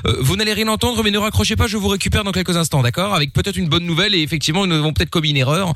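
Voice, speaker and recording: A man's voice: high voice, rapid-fire, fairly bright tone, no room sound, clean studio sound. A man hosting a radio prank call in a hesitant, stammering, mock-polite way. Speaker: radio host.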